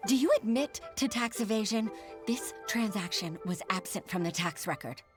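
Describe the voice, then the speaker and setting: A woman's voice: mid-range voice, lively intonation, normal speed, faint music behind, close to an everyday voice. A woman voicing an earnest, grateful official in a game who speaks in a formal way. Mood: probing.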